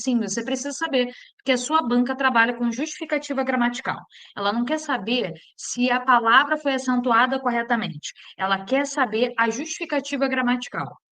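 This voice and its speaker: A Brazilian woman teaching an exam-prep grammar lesson in a somewhat high voice. She keeps asking the class questions and answering them herself. When she lays out a rule she slows right down and stresses each item. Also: bright, forceful tone. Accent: Brazilian Portuguese. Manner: drills with questions, slowing to spell out rules.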